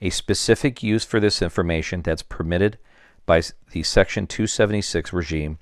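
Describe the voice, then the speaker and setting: A man's voice: low voice, no echo. A man who is a criminal defence lawyer, reading out court rulings steadily in formal legal phrasing during a discussion.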